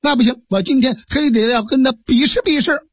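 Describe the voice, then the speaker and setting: A man's voice: extremely high pitch, fairly quick, slightly rough, no echo, clean studio sound, voice pushed up. A male storyteller voicing a boastful, contrary bandit chief who taunts and brags. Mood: brash taunting. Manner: brash, taunting.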